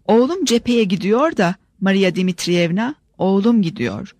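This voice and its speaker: A woman's voice: medium pitch, lively intonation, a little slow, a little mellow, no echo. A woman narrator voices a doting old nobleman in an audiobook, calling across a table about his son. The recording is dry and close. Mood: fretful. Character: fond old count, fussing father.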